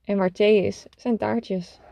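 A woman's voice: medium pitch, fairly even intonation, takes it slowly, creaky, dark tone, lo-fi sound, a little hiss or hum. A woman voicing a cheerful little mole in a storybook, earnest and playful. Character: cheerful small mole who loves cake.

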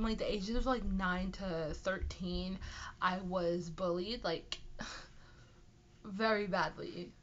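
A woman's voice: medium pitch, sharp tone, highs cut off. Nasal, congested young woman chatting casually. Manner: apologetic, self-deprecating, rambling. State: sick with a stuffy nose. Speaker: podcast host and aspiring author. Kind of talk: casual solo chat answering listener questions.

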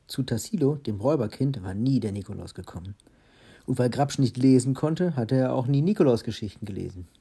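A man's voice: mid-range voice, lively intonation, a little fast, creaky, warm tone, slightly rough. A man, apparently a teacher, reading a children's book aloud expressively and then chatting casually.

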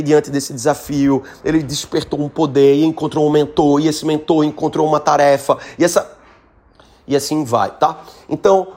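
Animated Brazilian man teaching storytelling. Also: fairly high pitch. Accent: Brazilian Portuguese. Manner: animated, slangy, tag questions. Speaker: speaking trainer. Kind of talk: casual storytelling lesson.

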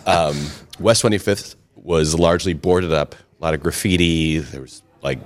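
A very deep-voiced man, an interview guest who owns a restaurant and brewery, tells stories in a casual interview. He speaks at a normal speed in a chatty way, with self-deprecating humor and frequent restarts.

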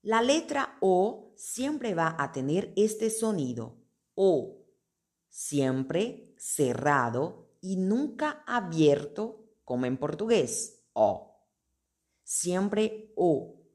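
A woman gives a pronunciation lesson, naming each letter and then sounding out example words one by one. She speaks very slowly, with long pauses between words. Her voice sits a little low. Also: very animated, a little mellow. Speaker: Spanish teacher. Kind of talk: slow, deliberate pronunciation lesson.

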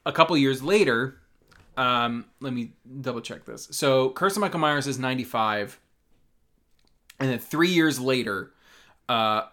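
A man's voice: medium pitch, a bit bright. Rambling man recapping horror films. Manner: rambling, many fillers and restarts. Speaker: podcast co-host. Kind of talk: casual podcast chat recapping films.

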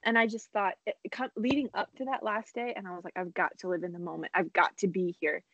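A young woman in her twenties co-hosts a casual podcast, chatting freely and acting out the things she once said. Her voice sits at a middling pitch. The sound is dry and dull, like lo-fi internet call audio. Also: fast talker, dry recording. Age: 20s. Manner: animated storyteller who acts out her own past remarks. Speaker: co-host.

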